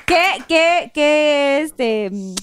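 A woman reacting with loud exclamations to a friend's story. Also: high voice, animated, drawn-out words, very noisy.

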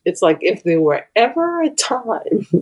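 Animated, laughing hospital chaplain woman. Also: medium pitch, slow pace, slightly rough, dull audio. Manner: animated, laughs often, breaks into off-key singing. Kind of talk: candid interview storytelling.

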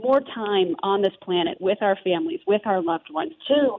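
A woman's voice: medium pitch, sing-song, normal speed, creaky. Jersey woman in her 30s chatting on an interview, rambly, lots of "you know", kinda muffled audio. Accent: New Jersey. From New Jersey. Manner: enthusiastic, rambling with fillers. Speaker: guest, holistic health advocate. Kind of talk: conversational interview.

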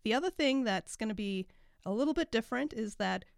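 A woman's voice: on the high side, lively intonation, a little fast, vocal fry, no echo, clean studio sound. Woman with a nasal, congested voice. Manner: informal, chatty, mild swearing. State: recovering from a cold. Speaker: podcast host and life coach. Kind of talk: casual podcast monologue.

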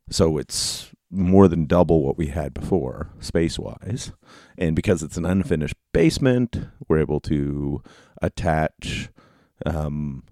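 A man hosting a podcast solo in a casual, rambling way, with halting, informal delivery. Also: extremely low pitch, warm tone, smooth, dry recording, studio quality. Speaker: podcast host. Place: basement office at home. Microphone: close podcast microphone.

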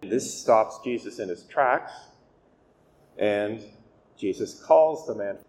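A male priest reading the gospel and preaching a weekday homily at a steady, measured pace, his voice ringing with a long cathedral echo. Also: on the low side. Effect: long cathedral-style echo. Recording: echoey church hall with faint hiss.

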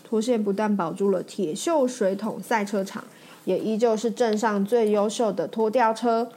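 A woman reading a children's storybook aloud with an expressive, animated delivery. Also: mid-range voice, moderate pace.

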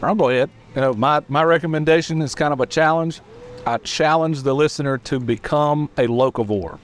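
A man's voice: a little high, brisk. Man, guest chiropractor, easygoing explainer, recorded outdoors on a patio. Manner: relaxed, explains food with enthusiasm. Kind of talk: casual chat.

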